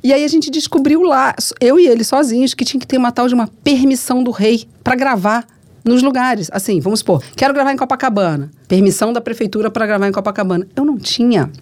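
Fast-talking Rio woman reporter. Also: a little high. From Rio de Janeiro, Brazil. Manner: lively, acts out quoted dialogue. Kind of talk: animated storytelling in interview.

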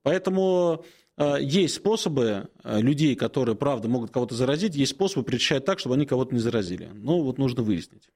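Middle-aged priest giving unhurried advice. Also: male voice, medium pitch, big pitch swings. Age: 40s. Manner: unhurried, many hesitations, gently advising. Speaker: Orthodox priest answering questions. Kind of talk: call-in advice talk.

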